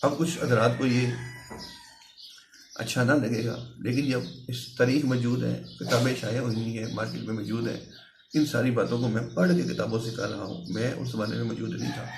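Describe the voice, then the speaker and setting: A man giving a measured religious lecture, patiently explaining his points with worked examples. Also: medium pitch, steady tone, gravelly, a little hiss or hum. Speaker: religious speaker. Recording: echoey room.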